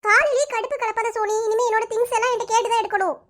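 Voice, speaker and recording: Shrill jealous big sister, cartoon, southern Tamil Nadu accent, voiced by a woman. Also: steady tone, racing, fairly bright tone. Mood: scolding. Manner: shrill, complaining, sulky. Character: whiny jealous teen older sister. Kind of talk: cartoon voice acting.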